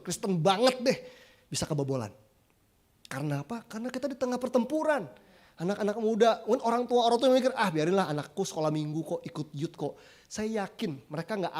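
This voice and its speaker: Male preacher, high voice, casual anecdotal delivery that slips into voices for quoted people. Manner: lively, chatty, acts out quoted voices. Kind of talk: casual storytelling sermon. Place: church.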